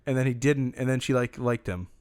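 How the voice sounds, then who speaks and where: Chill guy on a podcast going over a movie plot, mid-pitch voice. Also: a little fast, a little mellow. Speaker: podcast co-host. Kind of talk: casual movie review chat.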